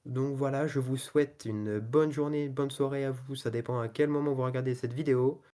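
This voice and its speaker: A man with a mid-pitched voice works as a motorsport commentator. He calls the race and standings in an improvised way, pausing and hesitating as he looks for the next word. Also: fairly even intonation, dark tone. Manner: hesitant, searching for words between calls. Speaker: motorsport commentator and host of a racing league show.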